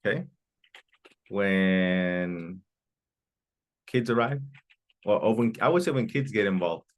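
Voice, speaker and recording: A man with a very low, deep voice leads an English class from the United States. He is encouraging and echoes his students' answers back to them. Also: slow pace. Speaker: English teacher. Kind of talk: online class Q&A.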